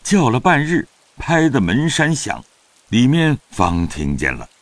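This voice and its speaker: A man narrating a classic novel in an audio drama, in an expressive storytelling manner. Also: medium pitch, a little slow, no room sound.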